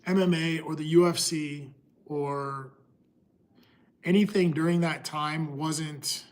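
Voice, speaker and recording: A middle-aged man talking casually to his livestream viewers, pausing and restarting often. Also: fairly high pitch, steady tone. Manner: halting, restarts often, talks to chat. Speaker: livestream host.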